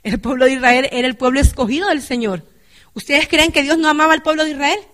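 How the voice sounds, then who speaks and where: A woman with a high-pitched voice delivers a sermon to her congregation. She turns to the listeners again and again, asking whether they follow and calling them brother and sister. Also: fast talker, fairly bright tone. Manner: keeps asking the congregation "right?". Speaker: lay preacher. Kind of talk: church sermon.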